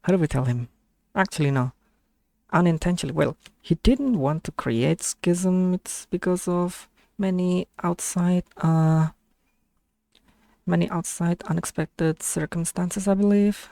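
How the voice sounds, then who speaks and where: Creaky-voiced Indonesian streamer, thinking aloud. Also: medium pitch, a little slow, warm tone, dry recording. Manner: hesitant, thinking aloud, self-correcting. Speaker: streamer reacting to a video. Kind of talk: casual reaction commentary.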